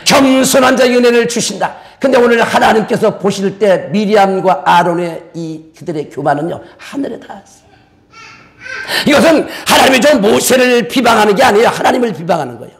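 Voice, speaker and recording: A man's voice: high-pitched, lively intonation, a little fast. A male pastor preaching a sermon in a church, emphatic and dramatic, calling on the congregation to repeat after him. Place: church sanctuary.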